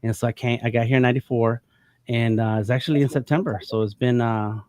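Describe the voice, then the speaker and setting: A man's voice: medium pitch, steady tone, fast, darkish tone, dry recording. A man in his fifties from the United States, talking casually on a panel, rambling with many restarts. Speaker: panel guest.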